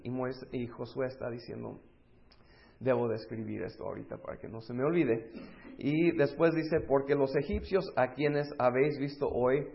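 A man preaching a sermon, acting out the voices of the people in his story and moving between loud and hushed delivery. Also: medium pitch, creaky, lo-fi sound.

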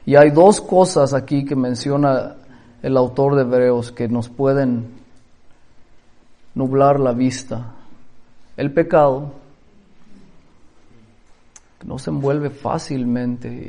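A man's voice: medium pitch, slow pace, long pauses. A man preaching a sermon, telling anecdotes in a conversational way. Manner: storytelling, conversational, lively anecdotes.

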